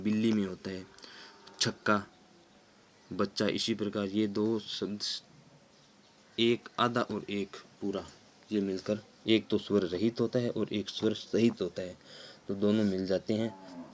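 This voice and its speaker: A man's voice: lowish voice, slight background noise. A man teaching a grammar lesson, patiently explaining step by step with examples.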